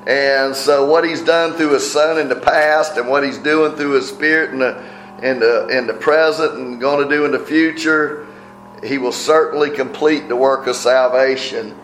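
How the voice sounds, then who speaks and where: Male preacher, mid-pitched voice, casual sermon delivery in a reverberant room. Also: fairly even intonation, moderate pace, a bit bright, faint music behind. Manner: conversational, rhetorical questions, frequent "right?". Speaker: pastor.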